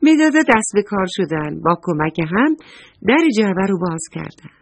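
A woman's voice: lowish voice, sing-song, gravelly. A woman reading a story aloud to young children, talking to them fondly and asking them questions. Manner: affectionate, asks the children questions.

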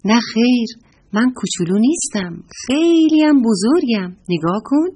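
A woman's voice: big pitch swings, mellow, husky. Woman playing an indignant little squirrel cub. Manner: high indignant childlike piping. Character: small proud baby squirrel who hates being called little.

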